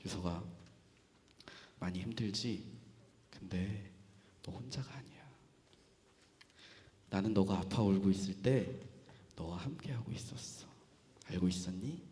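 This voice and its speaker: A pastor whispering as a gentle, tender Jesus, whispered role-play. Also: male voice, sits low, in a large hall, slight background noise, pitched below the performer's own voice. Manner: soft, slow, tender, hushed. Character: gentle comforting Jesus, a grown man.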